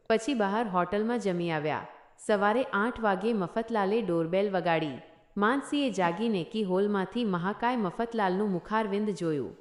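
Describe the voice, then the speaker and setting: A woman narrating a humorous short story in a steady, scripted storytelling manner. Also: mid-range voice. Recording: echoey room.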